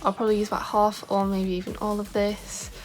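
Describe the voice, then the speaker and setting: A young woman beauty vlogger chats casually to camera, rambling and dropping "like" constantly, her voice scratchy today. She speaks fairly quickly at a medium pitch in a monotone, with faint music in the background.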